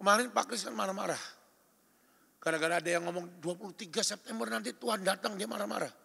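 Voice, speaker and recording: A man preaching a sermon as pastor, emphatic and exhorting, shifting between loud calls and quiet asides. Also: high voice, quick pace, vocal fry, breathy edge. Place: church or retreat hall. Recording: reverberant hall recording.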